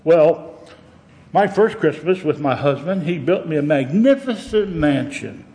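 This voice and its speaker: A woman's voice: deep voice, expressive, a little slow, mellow, in a large hall, a little hiss or hum, low-quality recording. A male preacher voicing a smug, boastful wealthy woman from New York in a told joke. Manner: boastful, showy.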